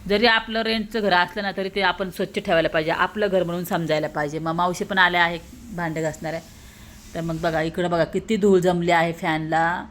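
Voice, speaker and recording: Chatty homemaker woman, lowish voice. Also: fairly even intonation, a little fast, fairly bright tone. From Maharashtra. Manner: chatty, homely, explains step by step to viewers. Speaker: vlogger and mother. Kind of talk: casual vlog narration to viewers. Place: her flat, at home.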